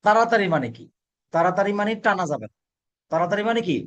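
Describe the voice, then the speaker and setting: A man leads a Quran reading class, firing questions at his pupils and repeating each answer so they say it back. His voice sits a little higher than most men's. He corrects their pronunciation one sound at a time. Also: animated, fast, fairly bright tone. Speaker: Quran teacher. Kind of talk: teaching a class, call and response.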